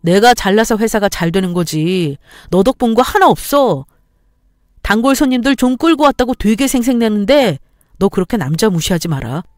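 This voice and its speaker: A woman's voice: medium pitch, expressive, normal speed, no echo, studio quality, natural voice. A woman voicing a cheating, sneering husband. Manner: shouting, sneering, blaming. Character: cheating boastful husband, resentful, mocking. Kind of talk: story radio voice acting.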